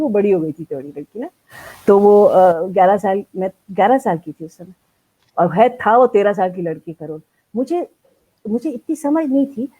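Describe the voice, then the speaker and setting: An older woman, a veteran theatre artist, telling stories from her life in a lively live-streamed interview and acting out the lines she quotes. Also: mid-range voice, low-quality recording. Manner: animated, acts out quoted lines.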